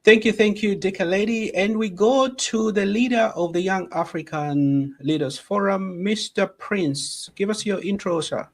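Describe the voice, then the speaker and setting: A man's voice: sits high, measured pace, hardly any pauses. A man moderating an online panel over a video call, introducing each guest formally and thanking them again and again. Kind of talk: webinar moderating. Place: home.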